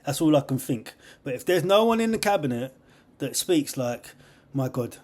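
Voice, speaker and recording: A young man, hosting a podcast in a rambling, excitable monologue full of slang and laughter. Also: mid-range voice, normal speed. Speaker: podcast host. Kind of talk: casual monologue.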